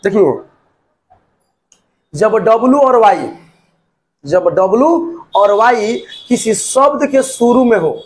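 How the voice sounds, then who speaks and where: A man's voice: sits high, a little mellow. A man teaching an English grammar lesson, repeating points and spelling words out letter by letter.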